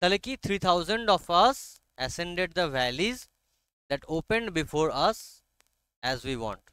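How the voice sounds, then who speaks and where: A man with a high, sing-song, somewhat bright voice, clean and echo-free, teaches online with a Bengali accent. Explaining an English text line by line, he coaxes his class, repeatedly checks their understanding and reads the English lines very slowly.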